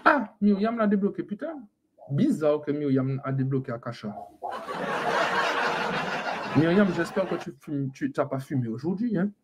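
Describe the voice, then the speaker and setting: Teasing live-stream host, higher-pitched man. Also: expressive, normal speed, pauses often, lo-fi sound, very noisy. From French Antilles. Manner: teasing, scolding viewers, laughing often. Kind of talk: casual live-stream chat.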